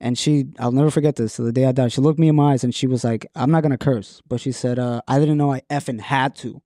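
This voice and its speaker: A young man telling a dating story in casual podcast chat, animated and quoting people along the way. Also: mid-range voice, quick pace, no room sound, clean studio sound. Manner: animated, quotes people in his story, many restarts.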